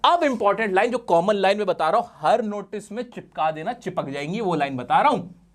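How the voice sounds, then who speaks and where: Animated male teacher coaxing students. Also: high-pitched, a little fast. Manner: animated, coaxing, asks rhetorical questions; playful, teasing. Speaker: English teacher. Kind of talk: classroom-style exam lesson.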